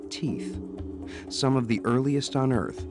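A man's voice: mid-range voice, slow. A man giving a scripted, dramatic nature documentary narration in the manner of a storyteller. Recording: music under the voice. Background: music.

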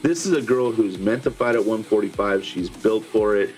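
A middle-aged man in an office, calmly and confidently sizing up a fighter's prospects. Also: on the low side, normal speed, faint music behind, low-quality recording. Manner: matter-of-fact, assured. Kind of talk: evaluating a fighter in a meeting.

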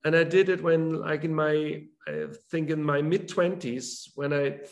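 Over a webcam video call, a German author guest chats in a casual interview from a home room with a large drawing on the wall. His voice is a little high with a steady tone, and his speech is halting, with many restarts and fillers.

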